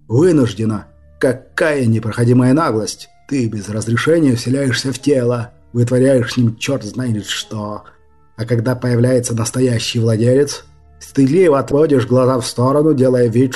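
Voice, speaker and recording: A man's voice: mid-range voice, moderate pace, dark tone, soft background music, close to an everyday voice. A man voicing a big, grumpy young dragon who rants and complains about his body being misused. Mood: indignant. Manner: aggrieved, blustering. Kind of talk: audiobook character voice.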